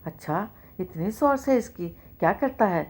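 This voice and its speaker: A woman's voice: medium pitch, expressive, darkish tone, natural voice. A woman reading the part of a scheming, grieving older rich widow who gives curt commands.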